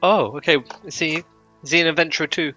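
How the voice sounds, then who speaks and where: A man's voice: a little high, fairly even intonation, quick pace, pushed and bright, soft background music. A man talking casually and bantering as a player in a tabletop role-playing game. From outside the United States.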